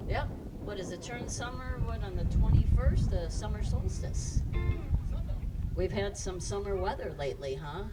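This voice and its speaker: A woman's voice: medium pitch, moderate pace. A woman hosting a live children's music show, chatting and encouraging kids and parents from an outdoor stage. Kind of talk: live stage banter with a family audience. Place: outdoor evening concert stage. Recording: distant live stage sound with loud music. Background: loud live band music.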